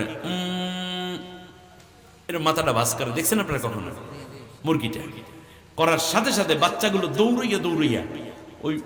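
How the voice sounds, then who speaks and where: A man's voice: a little high, a bit bright. A man from Bangladesh, preaching a waz sermon, chanting verses in a sung style and firing rhetorical questions at the crowd. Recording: echoey hall with long reverb.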